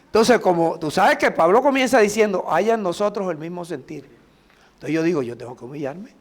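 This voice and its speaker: A middle-aged man from Colombia, a pastor preaching a sermon with emphatic, drawn-out phrases and prayers. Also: sits high, lively intonation.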